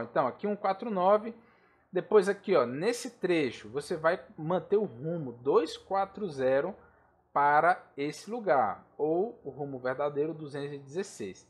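A Brazilian man explaining aviation charts in a casual, slangy tutorial, constantly checking in with the listener. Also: fairly high pitch. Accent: Brazilian Portuguese. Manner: chatty and informal, slangy asides, checks in with the listener often. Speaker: air traffic control instructor. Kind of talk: casual screen-share tutorial.

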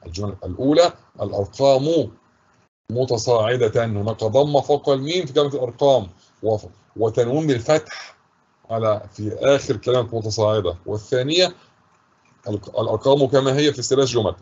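Man, Egyptian accent, schoolteacher, husky, patient, repeats slowly, muffled lo-fi sound. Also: mid-range voice, darkish tone. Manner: patient, reads example sentences slowly and repeats them. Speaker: teacher. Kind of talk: grammar lesson for schoolchildren. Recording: husky voice, dull lo-fi recording.

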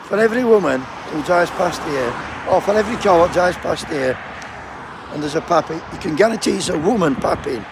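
A man's voice: a little high, lively intonation, fairly quick. A man with a Yorkshire accent chatting and joking with passers-by on a picket line, cold, swearing freely. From Sheffield, England. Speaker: striking postal union picketer. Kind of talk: casual vlog chat. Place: outdoor picket line by a busy road. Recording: noisy roadside traffic outdoors. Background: passing traffic.

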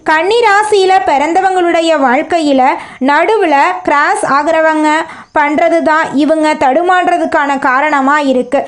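A woman with a high voice and a Tamil accent presents an astrology forecast. She speaks in short, steady, declarative statements, each prediction given as a plain certainty. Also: unhurried.

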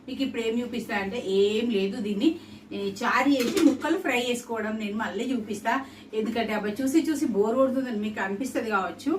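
A home cooking vlogger with a slightly high voice and a Telangana Telugu accent talks fast, chatting, rambling, and repeating herself as she cooks in her indoor kitchen. The roomy, distant-mic recording carries a little hiss or hum and a clear kitchen sizzle. Sizzling oil and clattering pots and pans sound in the background.

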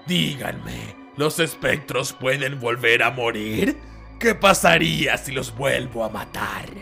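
A man's voice: medium pitch, expressive, slow pace, gravelly, bright, forceful tone, faint music behind, voice pushed down, exaggerated voice. Man doing a menacing, unhinged Allosaurus villain. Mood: vengeful. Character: menacing evil Allosaurus, embittered, cruel predator. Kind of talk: dramatic toy-dinosaur story acting.

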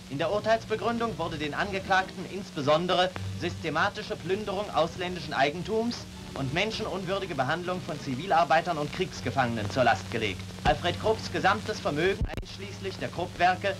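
A man's voice: high voice, rough recording. A man announcing in a formal, declamatory old newsreel style.

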